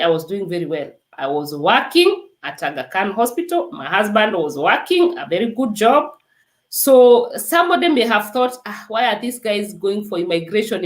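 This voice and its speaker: In an interview, a Kenyan-accented nurse from Kenya offers emphatic testimony, earnestly exhorting her listener and saying "let me tell you" again and again. Her voice is mid-range, with reverberation in the recording.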